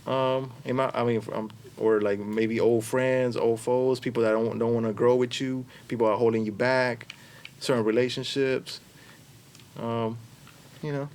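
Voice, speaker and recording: A man's voice: mid-range voice, level tone, unhurried, darkish tone. A man hosting a casual podcast conversation, speaking hesitantly with many fillers and restarts. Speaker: podcast host. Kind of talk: casual interview chat.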